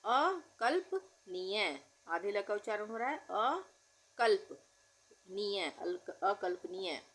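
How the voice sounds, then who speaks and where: A woman teaching difficult Hindi words, with an Indian accent, saying each word slowly and spelling it out patiently. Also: mid-range voice. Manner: patient, drawn-out word-by-word pronunciation. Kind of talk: slow spelling-out lesson.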